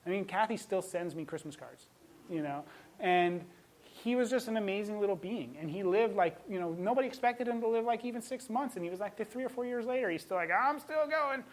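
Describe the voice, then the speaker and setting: A man's voice: high voice, a little fast, a little mellow, poor audio. A man, a veterinarian, giving a talk to an audience, telling stories with emotion and laughing often.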